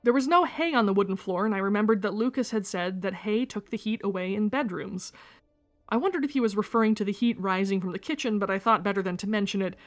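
A woman reading a first-person memoir aloud in a steady, measured storytelling manner. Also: mid-range voice, soft background music. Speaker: narrator.

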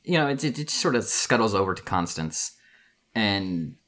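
A man runs a tabletop game in a very low voice that still carries a bright, sharp edge. He narrates haltingly and restarts his sentences often. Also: very animated. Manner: halting, many restarts and fillers. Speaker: game master.

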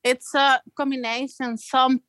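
Chatting as a podcast guest, this Belgian-accented woman, an amateur big wave surfer, tells relaxed, slang-heavy surf stories. Her pace is a little slow, her pitch fairly narrow, and the audio is dry with no room sound.

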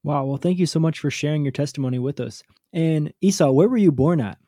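A man hosting a podcast, polite and encouraging as he asks his guest questions. His voice sits a little high, with a mellow, warm tone and a dry, close sound. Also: a little fast, dry recording. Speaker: podcast host. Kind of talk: interview questions.

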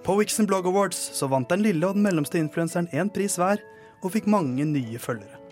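A man's voice: sits high, animated, a little mellow, faint music behind. Man reading a silly fairy tale. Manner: storytelling with acted voices and laughs.

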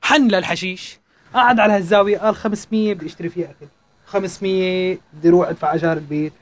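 A man tells jokes with a very high voice and quick pace. He acts out each quote as he goes. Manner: animated storyteller acting out quotes. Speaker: passer-by telling jokes. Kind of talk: joke telling.

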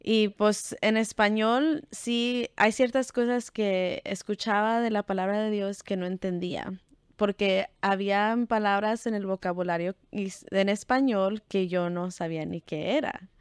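A woman's voice: mid-range voice, steady tone, unhurried, clear, resonant tone, no room sound, studio quality. A young Texan woman telling her story as an interview guest, often dropping English fillers like "so" into her Spanish. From Texas, United States. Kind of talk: casual interview conversation.

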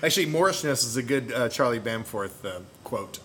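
A man's voice: mid-range voice, expressive, a little fast, crowd noise. A man from New York State, a guest on a casual brewery podcast, joking around and laughing often. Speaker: podcast guest, beer educator. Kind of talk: casual chat. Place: brewery taproom.

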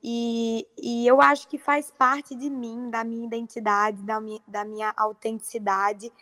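A young actress from Paraíba, Brazil, with a Paraíba accent, talking earnestly in a casual interview with frequent fillers. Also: female voice, fairly high pitch, little pitch movement, unhurried, pushed and bright, no room sound. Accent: Paraíba Brazilian Portuguese. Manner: earnest, fluent, many fillers. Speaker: actress guest.

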